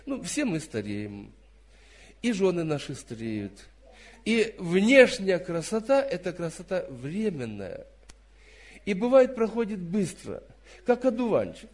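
A man in his fifties preaching a sermon, emphatic, dropping to soft asides and then rising to loud stressed phrases. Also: high-pitched, very animated, a little slow. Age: 50s.

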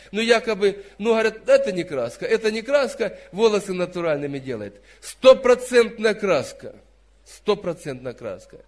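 Emphatic high-voiced male preacher in his fifties. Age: 50s. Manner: emphatic, swings between soft asides and loud stressed phrases. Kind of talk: sermon.

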